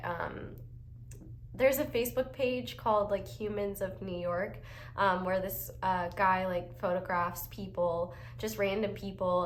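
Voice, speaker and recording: Her medium-pitched voice sounds fairly bright as this young tarot reader, recovering from a cold, gives a casual pick-a-card reading that's talkative, positive, and full of fillers. The room echoes, with faint ambience.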